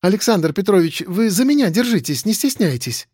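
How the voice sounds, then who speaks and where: A man's voice: sits high, very animated, brisk, darkish tone, husky, no room sound, studio quality, voice pushed up, full character voice. A man voicing a young factory girl, eager and coaxing.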